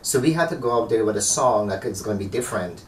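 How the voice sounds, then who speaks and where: A man's voice: on the low side, lively intonation, quick pace. Guyanese man telling stories, echoey room. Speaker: dancer guest. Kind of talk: casual interview chat. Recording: echoey room, far from the mic, faint noise.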